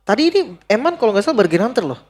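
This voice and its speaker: A man's voice: sits high, sing-song, very fast. A man with an Indonesian accent gives casual live esports commentary on a noisy broadcast with clicks behind him.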